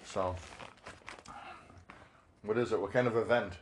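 A man co-hosting a casual podcast, talking slowly with many pauses and fillers. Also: fairly low pitch, fairly even intonation, noisy background. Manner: slow, hesitant, many fillers. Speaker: podcast co-host. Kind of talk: casual chat.

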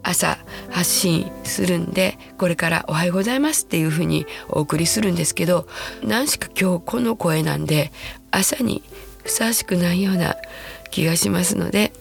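A woman in her sixties with a Kansai accent hosts a casual podcast, her voice husky and hoarse from a throat cold. It sits low and gravelly, and she talks in a chatty, self-deprecating way. Faint music plays behind her. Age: 60s. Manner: chatty, self-deprecating, slows to a soft hush at times. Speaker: podcast host. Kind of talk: casual solo podcast talk.

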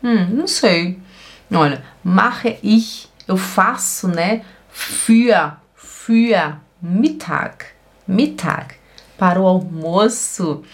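Woman, language teacher, unhurried, patient, repeats every phrase, middle pitch. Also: lively intonation. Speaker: German teacher. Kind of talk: language lesson.

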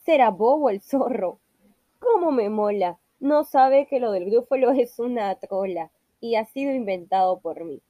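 Woman doing a sly, bragging little storybook mouse, slow and playful, a bit high. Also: animated, warm tone, no echo. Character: small clever boastful mouse.

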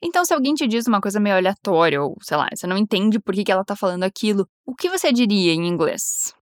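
A woman's voice: mid-range voice, sing-song, no echo, studio quality. Upbeat Brazilian woman teaching English. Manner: encouraging, models phrases slowly then explains quickly. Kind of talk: English lesson for Portuguese speakers.

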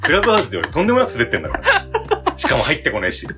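A young man co-hosting a casual podcast, talking fast and teasing his partner with mock accusations. His pitch swings widely as he rants in fun, and faint music sits underneath. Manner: animated, teasing, mock-accusing, slips into Kansai-style ranting. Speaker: podcast co-host. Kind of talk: casual comedic banter.

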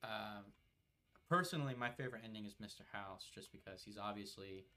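A young man co-hosting a podcast, his voice sitting a bit low. He chats while playing a game and rambles loosely, full of filler words and offhand swearing. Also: a little fast, pushed and bright. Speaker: podcast co-host. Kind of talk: casual chat while playing a video game.

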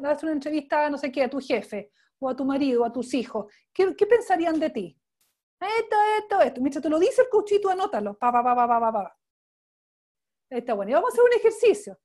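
Her voice is high-pitched and a little mellow. Teaching an online coaching class in a live, informal way, this woman trainer is gushing and emphatic and keeps checking in with quick questions.

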